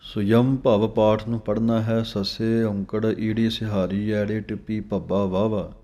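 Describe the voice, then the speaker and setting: A man teaching scripture recitation. He chants verses slowly with pauses and gives plain spoken instructions on pronunciation. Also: lowish voice, flat delivery, dark tone.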